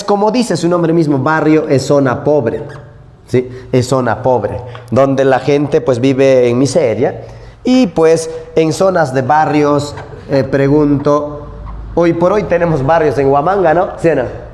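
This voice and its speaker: A man's voice: medium pitch, a little mellow, a little hiss or hum. A man teaching a literature class, talking animatedly and constantly checking in with his students. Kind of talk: prep-school lecture. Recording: long hall reverb.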